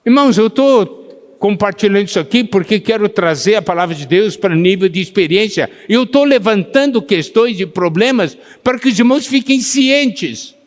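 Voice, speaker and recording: A man preaching a sermon who slows down to stress scripture and asks the congregation questions, pausing for their answers. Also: high-pitched, expressive. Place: church meeting hall. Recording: long hall reverb.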